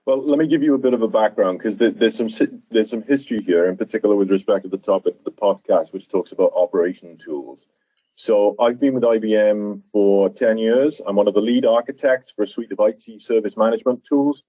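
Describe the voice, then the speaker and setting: Man, low-pitched, husky, dry and tinny phone-line sound, measured explainer, podcast guest. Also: steady tone, no echo. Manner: measured, explanatory, with fillers and restarts. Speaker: podcast guest, software architect. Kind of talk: conversational interview.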